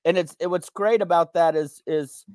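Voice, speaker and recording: A young man, a veteran and content creator, speaks as a guest on a podcast in a candid conversational interview, earnest and reflective, saying "you know" a lot. His voice is fairly high with fairly even intonation, at normal speed and with a darkish tone. The studio recording is clean, with no room sound.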